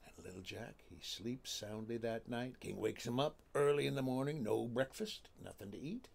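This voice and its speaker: Animated folksy man telling a tale. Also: mid-range voice, moderate pace, vocal fry, slightly rough. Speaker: storyteller. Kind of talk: folk tale storytelling.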